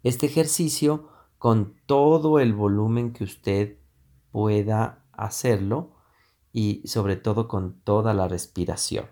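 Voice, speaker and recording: A man teaching a lesson on public speaking, explaining voice exercises deliberately with frequent pauses and fillers. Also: fairly low pitch, warm tone. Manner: slow, deliberate instruction with hesitant fillers; demonstrates vocal exercises with sustained vowels. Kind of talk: voice training lesson.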